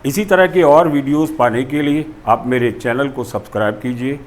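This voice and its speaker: A male teacher giving a Hindi-language lesson on spoken English, explaining step by step and saying model phrases slowly and deliberately. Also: mid-range voice, slight background noise.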